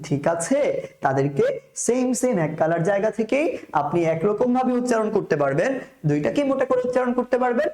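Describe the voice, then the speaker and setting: A man's voice: high-pitched, a little mellow, echoey room. A young man with a Bangladeshi Bengali accent teaching Quran letter pronunciation in an online lesson, patiently repeating sounds and checking in with his students. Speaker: Quran recitation instructor.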